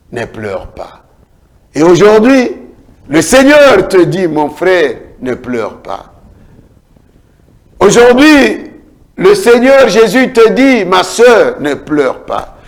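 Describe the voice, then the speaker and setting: A man preaching a sermon as a prophet, declaiming in a repetitive cadence and swinging from loud calls to hushed lines. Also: a little high. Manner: dramatic preaching with big swings between shouts and hushed lines.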